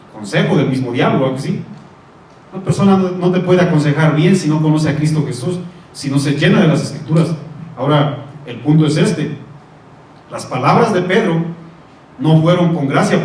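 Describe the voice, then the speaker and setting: A man's voice: a little high, darkish tone. A male pastor preaching a sermon, reading Bible verses and asking his congregation questions. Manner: reads scripture aloud and asks the congregation questions. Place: church. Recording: very echoey church room, mic at a distance.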